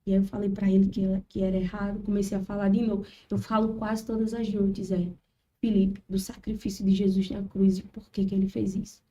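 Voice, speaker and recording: A woman's voice: medium pitch, brisk, far from the mic, highs cut off. A woman telling a church testimony as a podcast guest, acting out the people in her story. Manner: animated storytelling, acts out quotes. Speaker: guest, children's ministry worker. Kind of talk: testimony in casual chat.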